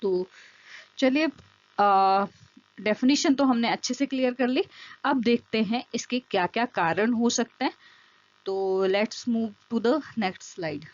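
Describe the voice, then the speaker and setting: A woman's voice: a little high, slow, no room sound. A woman teaching special education through an online exam-prep lecture over slides. She explains step by step, repeats key terms and keeps checking that the listener follows. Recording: dull lo-fi dry recording.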